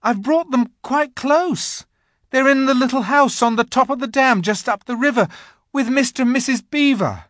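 A man's voice: very high-pitched, moderate pace, fairly bright tone, no room sound, clean studio sound, voice pushed up. A man voicing a frightened young boy who pleads and trembles as he speaks, in a storybook reading. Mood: pleading.

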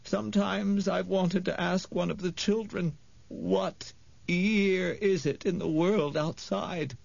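A male reader voicing a weary, ancient, gentle woman who speaks slowly and tenderly, with a frail, creaky voice. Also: sits high, fairly even intonation, no room sound, pitched above the performer's own voice, full character voice. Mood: sorrowful. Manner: slow, tender, calling the boy "my sweet". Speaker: audiobook reader. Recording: dull, dry studio read.

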